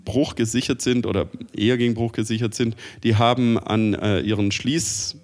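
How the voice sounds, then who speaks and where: Lowish-voiced podcast guy, explains stuff bit by bit, lots of restarts. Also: steady tone, a little mellow. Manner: explains in detail with halting restarts. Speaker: podcast co-host. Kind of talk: casual chat.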